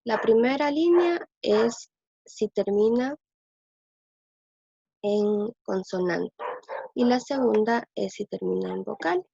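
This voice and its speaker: A woman teaches a language lesson slowly and patiently, pausing to think aloud and repeating words for her listeners. Her voice is husky and gravelly yet mellow and expressive, a little high for a woman. The recording is dull, lo-fi and dry, with no room sound.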